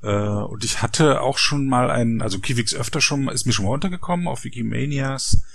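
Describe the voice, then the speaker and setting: A man hosting a casual podcast interview, talking in a relaxed, conversational way. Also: mid-range voice, brisk, creaky. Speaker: podcast host.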